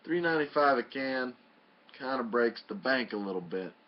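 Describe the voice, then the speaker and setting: A man's voice: mid-range voice, lively intonation, normal speed. A man giving a casual, folksy and mildly profane review in a home video. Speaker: product reviewer. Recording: muffled lo-fi home video audio.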